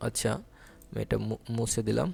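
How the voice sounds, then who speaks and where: A man's voice: mid-range voice, flat delivery, normal speed, vocal fry, darkish tone, slightly rough. A man teaching an exam-prep grammar lesson. He explains step by step, asking questions and answering them himself.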